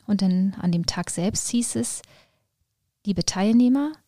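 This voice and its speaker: A woman, a podcast guest, telling her life story in lively conversation with many fillers and restarts. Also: mid-range voice, unhurried, dry recording, studio quality.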